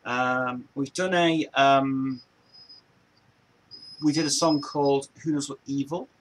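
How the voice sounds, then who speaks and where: A steady, mid-range male voice speaks slowly on a rough recording with a little hiss or hum. He is an English host in his forties running a laid-back chat show from home, wandering off track, circling back, repeating himself and restarting often.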